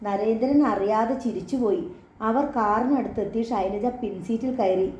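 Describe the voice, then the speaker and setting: A woman reading a novel aloud in steady, measured narration. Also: mid-range voice, reverberant, dull audio. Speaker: audiobook narrator. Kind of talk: scripted story narration.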